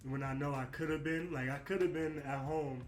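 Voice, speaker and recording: A man's voice: fairly high pitch, steady tone, normal speed. A man in his late twenties, a basketball player talking candidly and reflectively in a casual interview. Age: 20s. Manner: candid, reflective, lots of "you know what I mean". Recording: echoey room with faint music.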